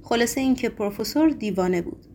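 A woman narrating an audiobook in a steady, measured storytelling manner. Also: on the high side.

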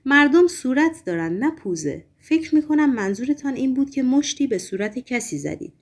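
In an audiobook, a woman with a sing-song, mid-range voice voices a nervous, gentle middle-aged man in the hospital. Her fretful patient speaks in a hushed, fussy, reproachful manner.

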